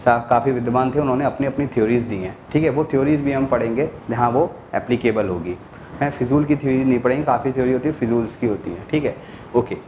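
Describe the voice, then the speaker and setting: A man's voice: medium pitch, fast, a little mellow, echoey room, muffled recording, slight background noise. A male teacher giving a lecture, explaining step by step, repeating key words and answering his own questions. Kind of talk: classroom lecture.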